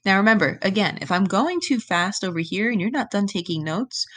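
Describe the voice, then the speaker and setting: A woman teaching a recorded lesson, reading a myth aloud and explaining it step by step. She keeps checking in with her students and gives the quoted lines an animated voice. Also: mid-range voice, brisk.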